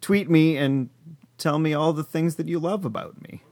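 A man's voice: a little high, normal speed, darkish tone, no echo. A man co-hosting a casual podcast, wry and teasing in his banter. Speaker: podcast co-host. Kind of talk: casual chat.

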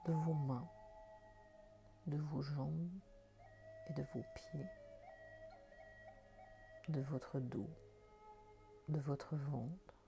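A woman leading a guided meditation in a soft, half-whispered voice. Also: deep voice, fairly even intonation, extremely slow, creaky, pauses often. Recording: soft background music.

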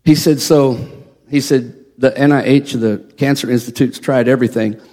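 A man's voice: medium pitch, steady tone, moderate pace, dark tone. A man preaching a sermon as a missionary, telling his story and acting out the people he quotes. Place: church sanctuary. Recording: echoey church hall.

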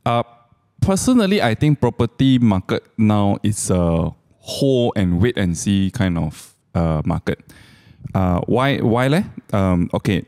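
A man's voice: lowish voice, lively intonation, unhurried, a little mellow. A man with a Malaysian accent explaining things casually as a co-host, in colloquial Malaysian English with local particles. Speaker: co-host commentator. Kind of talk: casual explanatory market chat.

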